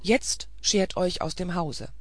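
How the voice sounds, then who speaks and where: A woman's voice: medium pitch, unhurried, vocal fry, dry recording. A woman voicing a brave, steadfast old housekeeper who speaks firmly and resolutely in a storybook reading. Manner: firm and resolute.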